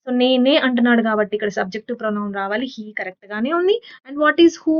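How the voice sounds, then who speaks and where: A woman's voice: a little high, expressive, fast talker, highs cut off. Telugu-accented woman teacher, explaining step by step. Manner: explains step by step, asks and answers her own questions; mixes English terms into Telugu speech. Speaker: English teacher. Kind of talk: exam-prep lesson.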